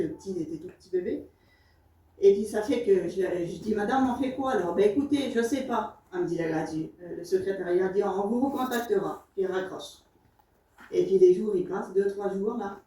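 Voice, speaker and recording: A woman's voice: mid-range voice, a little fast, dark tone. A woman giving a spoken church testimony, telling her story with emotion and many fillers. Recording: echoey room, far from the mic.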